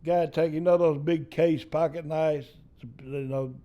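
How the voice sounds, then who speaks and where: A man's voice: fairly high pitch, steady tone, normal speed, warm tone. Older Texan man spinning salty yarns. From East Texas. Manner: salty, profane yarn-spinning. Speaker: storyteller. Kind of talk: casual storytelling.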